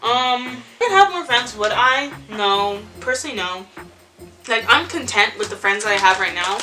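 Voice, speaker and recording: A woman's voice: fairly high pitch, animated, normal speed, sharp tone. A seventeen-year-old girl vlogging to camera in casual chat, rambling and saying "like" a lot. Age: teens. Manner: chatty, rambling, lots of "like" and "ew". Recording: music playing under the voice.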